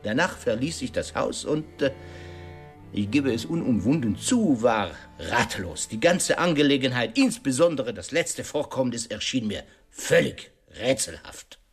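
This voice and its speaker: The detective, voiced by a man in a mid-range register with big pitch swings, recounts the case in a measured way over faint background music. Rhetorical questions and emphatic pauses shape this radio drama performance of a shrewd, self-assured sleuth.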